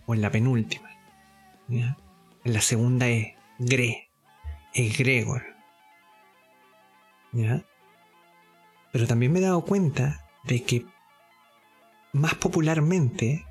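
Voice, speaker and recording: Male course teacher, mid pitch, unhurried, hesitant explainer who keeps checking in, faint music underneath. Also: husky. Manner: deliberate, explaining step by step with frequent checks for understanding; hesitant fillers and self-repeats. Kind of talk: spoken lesson.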